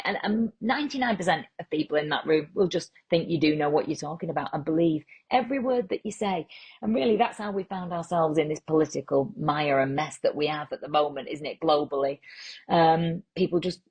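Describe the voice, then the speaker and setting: Husky low-pitched Lancashire woman rambling. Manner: rambling, deadpan absurd asides, calls listeners treasure. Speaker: podcast host. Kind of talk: comic podcast monologue.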